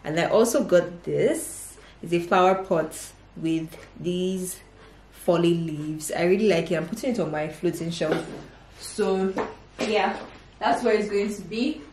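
In the living room of a small furnished apartment, a woman in her twenties vlogs casually to a camera held at arm's length. Her voice sits lowish and a little mellow, and she keeps a measured pace, sounding upbeat and rambling with fillers. There's slight background noise.

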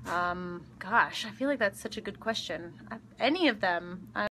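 Bright-voiced young woman chatting casually. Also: mid-range voice, expressive, normal speed, a little hiss or hum. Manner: chatty, giggly, lots of ums. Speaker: actress answering fan questions. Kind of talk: casual live Q&A. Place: backstage dressing room. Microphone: phone livestream.

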